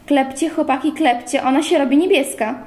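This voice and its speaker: A woman's voice: high-pitched, moderate pace, darkish tone, close to an everyday voice. A woman reading the lines of a pompous, mock-gallant young man in a roomy space. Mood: bossy. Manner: wordy, mock-gallant lecturing. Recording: roomy echo.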